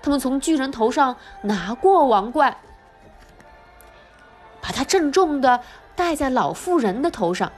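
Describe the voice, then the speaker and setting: Animated high-voiced woman storyteller. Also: faint music behind. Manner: expressive, slow, animated storytelling. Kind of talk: children's picture-book reading.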